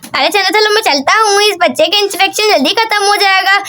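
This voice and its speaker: A woman voicing a male village doctor who talks in a brisk, fussy, reassuring way in her own very high voice. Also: sharp tone. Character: caring village doctor, a man.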